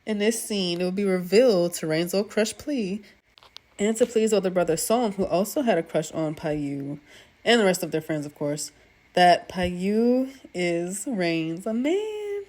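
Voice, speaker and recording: A woman's voice: fairly low pitch, animated, a little slow, a little mellow. A woman giving a casual, gushing recap of a TV drama episode, talking chattily to her viewers.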